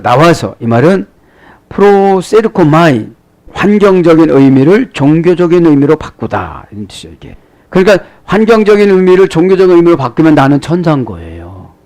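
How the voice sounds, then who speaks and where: A man's voice: on the high side, a little mellow. A male pastor giving an expository sermon, breaking down grammar word by word and prodding the congregation with short questions. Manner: teacherly, parses original-language grammar word by word.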